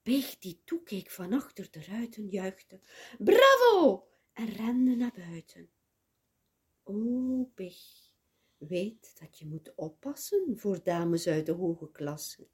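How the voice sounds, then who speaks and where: A woman reads a rhyming tale in a breathy, husky voice, slow and deliberate. Her delivery is dramatic, with a lively, swooping pitch. At times she sinks to a whisper. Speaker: storyteller. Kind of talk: reading rhyming verse aloud.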